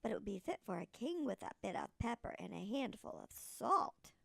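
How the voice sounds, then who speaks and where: A woman's voice: medium pitch, very animated, moderate pace, creaky, no room sound, studio quality, voice pushed down. A woman voicing a cunning, hungry young man who coaxes his way through a storybook tale. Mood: coaxing. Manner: coaxing. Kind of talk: storybook character voice.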